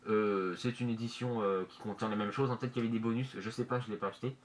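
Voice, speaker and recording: A man presenting casually in a halting, hesitant way, his voice slightly muffled through a face mask in a bedroom. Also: fairly low pitch, steady tone. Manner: hesitant, halting, searching for words. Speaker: manga review vlogger. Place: bedroom, indoors. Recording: noisy amateur room recording.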